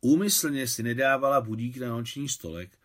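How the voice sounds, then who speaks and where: A male narrator reading a literary short story aloud at a measured, even pace. His voice sits in a middle pitch and stays composed and steady from line to line. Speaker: audiobook narrator.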